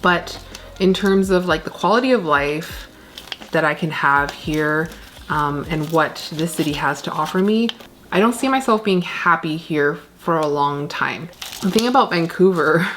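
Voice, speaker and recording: Lady rambling away while repotting plants, kinda low voice, lots of "like". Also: unhurried, fairly bright tone, slight background noise. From Canada. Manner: chatty, rambling, frequent "like" fillers. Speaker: plant vlogger. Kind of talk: casual chat while repotting. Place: indoor plant room, shelves of plants. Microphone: camera on desk, medium framing.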